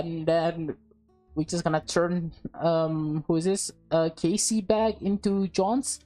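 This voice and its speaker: A woman with a fairly low, slightly mellow voice reads a visual novel aloud as a let's play, moving between narration and casual commentary. She reacts aloud in informal asides, and the audio quality is poor.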